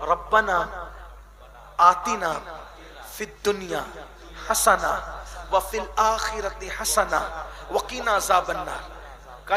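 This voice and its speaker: A man preaching a sermon at a religious gathering, telling a story with emotion, voicing its people and breaking into sudden shouts. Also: high-pitched. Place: outdoor gathering.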